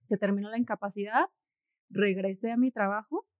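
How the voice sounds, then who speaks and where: A woman's voice: mid-range voice, fairly even intonation, moderate pace, no room sound. Chatty woman, dry sound. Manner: reflective, chatty, sums up the other's points. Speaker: co-host, mother. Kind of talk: casual conversation.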